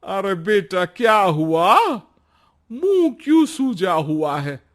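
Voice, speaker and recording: A man's voice: high-pitched, sing-song, slow, full character voice. A man voicing an elderly mother who fusses over her son with concerned questions in a cartoon story. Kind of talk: cartoon voice acting.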